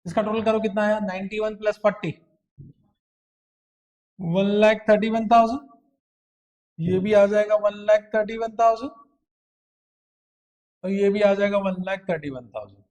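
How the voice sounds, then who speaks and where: A man's voice: high-pitched, steady tone, moderate pace, long pauses, darkish tone. A man from India teaching an accounts lecture, coaxing students with constant questions and mixing terms into his talk. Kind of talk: classroom lecture.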